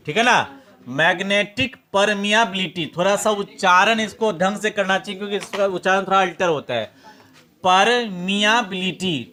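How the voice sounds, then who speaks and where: A man's voice: high voice, pushed and bright. A male physics teacher with a Bihari Hindi accent, giving a classroom lecture with a hands-on demonstration and coaxing students to repeat terms aloud.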